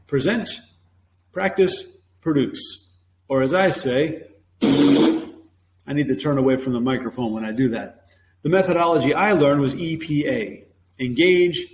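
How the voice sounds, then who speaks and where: A fairly high-pitched man teaching with punchy, opinionated emphasis. His voice bounces around an echoey classroom, with a faint hum of noise underneath. He coaches on how to open a lesson or a talk. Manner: acts out classroom phrases in a bright higher voice. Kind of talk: instructional talk to camera. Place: classroom with a whiteboard.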